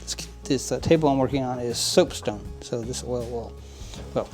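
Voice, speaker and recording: A mid-range, darkish male voice at normal speed, with soft music underneath, belongs to a model train hobbyist channel host. He casually explains cleaning model trains hands-on at his work table, rambling with many fillers and restarts and chuckling often as he goes.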